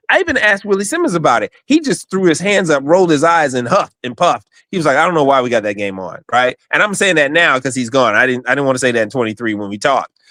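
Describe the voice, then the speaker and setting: A man calling in to a sports show, telling a story in an animated, exasperated way. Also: on the high side, no room sound, clean studio sound. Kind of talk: casual chat.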